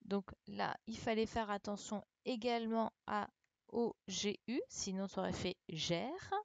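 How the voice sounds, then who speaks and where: Slow, patient woman teacher on a video call. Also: medium pitch, fairly even intonation, gravelly, no echo. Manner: patient, spells out letters, checks with "d'accord?". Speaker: primary school teacher. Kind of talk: online class, correcting a dictation. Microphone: computer mic on a video call. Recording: dull, lo-fi sound.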